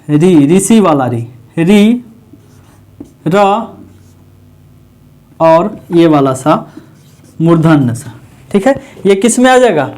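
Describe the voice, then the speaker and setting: Standing at the board in a classroom, a grammar teacher runs an exam-prep lesson, posing questions to the class and answering them. The voice is mid-range with a darkish tone, and each key sound and term comes up several times.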